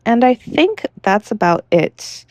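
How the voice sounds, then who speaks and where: A young woman talking casually to camera about editing her novel, chatty and relaxed with lots of fillers. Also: fairly high pitch, slow pace, no room sound. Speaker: writing vlogger.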